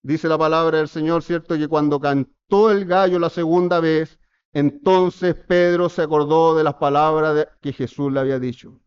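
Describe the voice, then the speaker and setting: A man's voice: fairly high pitch, fairly even intonation, normal speed, clean tone, dull audio. A man preaching a sermon in church, addressing the congregation with earnest rhetorical questions. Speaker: presbyter preaching.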